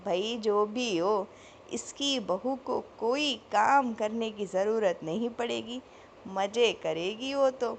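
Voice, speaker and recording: Woman voicing an elderly grandmother, doting, slow, drawn-out, slightly tart, storybook. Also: on the high side, vocal fry, a little hiss or hum. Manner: slow, drawn-out, fond speech.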